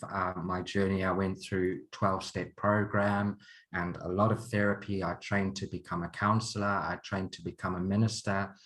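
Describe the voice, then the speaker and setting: Speaking in a low but fairly bright voice, this man in his forties from Zimbabwe presents an online course on a video call. As a counselor and program leader, he is sincere and open, with frequent chuckles.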